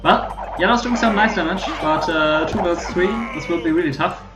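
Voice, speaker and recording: A man's voice: a little high, a little fast. German-accented male game caster, roomy echo. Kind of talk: live esports commentary. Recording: roomy echo, music behind. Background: music.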